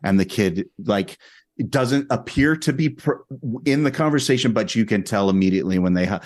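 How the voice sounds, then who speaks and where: A man, a podcast guest, telling a story in an animated, rambling way with many restarts. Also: lowish voice, moderate pace, no echo. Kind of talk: casual storytelling.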